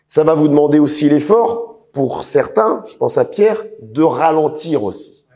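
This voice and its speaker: Male vocal coach, fairly high, mellow voice, animated and repetitive delivery in a live workshop. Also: unhurried. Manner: lively, repeats words, addresses trainees by name. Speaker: speaking trainer. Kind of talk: live training session.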